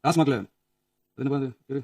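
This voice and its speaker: A man's voice: medium pitch, steady tone, moderate pace, warm tone, distant mic. A man giving a combative, mocking political speech in a legislative assembly chamber, hammering points through repetition. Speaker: chief minister addressing the assembly.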